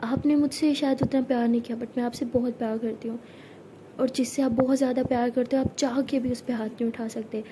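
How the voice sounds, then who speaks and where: A woman voicing an angry, hurt young college woman who scolds her girlfriend with sharp retorts. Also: fairly high pitch, fairly even intonation, brisk, a little hiss or hum, close to an everyday voice. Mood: tender.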